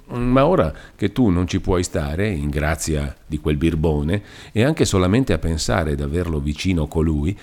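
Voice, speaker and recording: A man's voice: low voice, darkish tone, exaggerated voice. A man doing a chatty older village mother.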